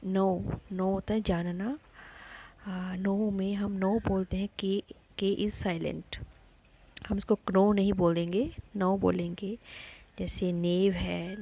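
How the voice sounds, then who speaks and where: A woman teaching a lesson on her own channel, talking slowly and patiently, repeating words and pausing often with fillers. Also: medium pitch, creaky, mellow, a little hiss or hum, rough recording. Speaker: teacher running an education channel. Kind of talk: slow spoken lesson on spelling.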